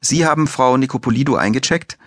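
Brief: calm, polite female detective, read by a man, composed and even, dry audiobook. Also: medium pitch, quick pace, no echo, pitched above the performer's own voice, close to an everyday voice. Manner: friendly, composed.

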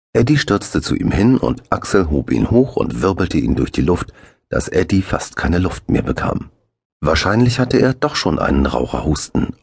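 A man narrating a children's audiobook with a lively, expressive reading on a close studio mic. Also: extremely low pitch, gravelly, breathy edge, no room sound.

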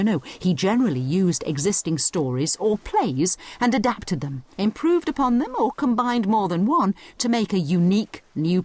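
A woman narrates a scripted educational audio guide, speaking directly to the listener and explaining things conversationally. Her voice sits on the low side and is a little mellow.

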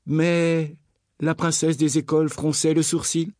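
A man narrating a children's audiobook in a gentle, playful storytelling manner. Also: mid-range voice, lively intonation, a little slow, dry recording, studio quality.

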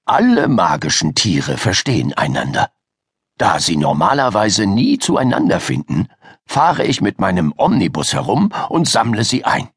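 A man voicing a kindly, mysterious older male owner of a magic pet shop in a children's audiobook, speaking gently and invitingly. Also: lowish voice, sing-song, normal speed, breathy edge, dry recording, studio quality, exaggerated voice. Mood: gentle. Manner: gentle, soft-spoken and inviting. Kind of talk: audiobook character voice.

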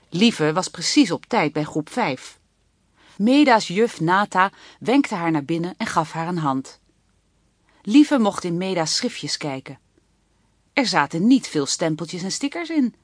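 Low-voiced woman narrating a children's book. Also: no echo, clean studio sound. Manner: even, clear storytelling. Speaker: audiobook narrator.

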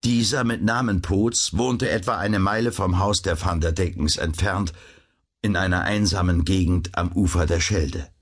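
Low, husky male audiobook narrator. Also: moderate pace. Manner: dramatic storytelling. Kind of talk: scripted narration.

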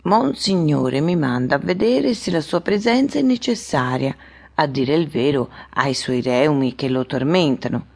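A man's voice: a little high, lively intonation, normal speed, creaky. A woman voicing a little mumbling male servant. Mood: deferential. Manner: mumbling, deferential.

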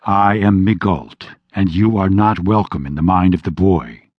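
A man voicing a towering, majestic male angelic guardian who speaks slowly and with command. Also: sits low, dry recording, highs cut off.

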